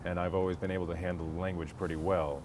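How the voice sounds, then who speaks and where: Speaking low, fast, and in a level, slightly mellow tone, an American man from Connecticut tells stage-acting stories in a casual outdoor interview. The setting is a golf course. Outdoor background noise and vehicles are clearly heard.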